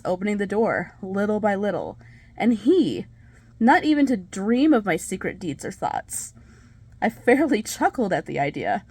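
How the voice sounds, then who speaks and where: A woman with a medium-pitched voice performs a dramatic reading of a gothic horror story as a nervous, obsessive murderer. She plays it hammy and stagey, stretching and repeating words for gleeful, crazed emphasis, and the mood is gloating.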